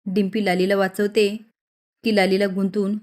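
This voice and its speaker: A woman recaps a TV serial episode in steady storytelling. Her pitch stays flat, with a medium, unremarkable register. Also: normal speed. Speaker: narrator.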